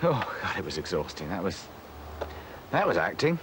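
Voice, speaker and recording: A man, an actor, telling self-mocking anecdotes about his radio role in a casual, animated way. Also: deep voice, moderate pace, noisy background. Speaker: actor interviewee.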